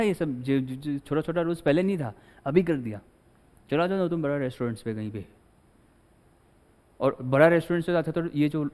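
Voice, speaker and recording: A man's voice: medium pitch, a little mellow. A male teacher giving a chatty classroom lecture, acting out little scenes as he explains. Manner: chatty, mixes Hindi with English, acts out little scenes. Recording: long hall reverb.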